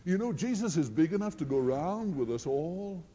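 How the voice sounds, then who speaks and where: Male preacher, high mellow voice, slow and earnest, long hall reverb. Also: expressive, breathy edge, muffled recording. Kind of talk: sermon.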